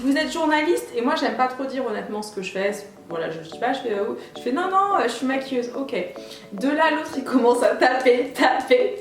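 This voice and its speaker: A woman vlogger telling a casual story in her apartment, acting out each side of the dialogue. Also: on the high side. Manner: animated, acts out both sides of the dialogue. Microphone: camera mic. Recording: roomy, echoey apartment room.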